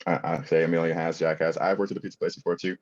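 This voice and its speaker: Deep-voiced man giving a casual workshop talk. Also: flat delivery, very fast, darkish tone, muffled recording. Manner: casual, filler-heavy, engaging the audience. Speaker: workshop presenter. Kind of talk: conference workshop presentation.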